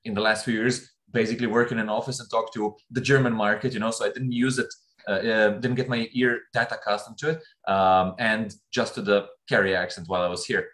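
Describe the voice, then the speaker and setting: A man's voice: fairly low pitch, fairly even intonation, fairly quick, fairly bright tone. Guy hosting, chatty and easygoing, lots of ums. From Croatia. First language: Croatian. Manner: easygoing and chatty, often hesitant with fillers. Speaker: host. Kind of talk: casual conversational chat.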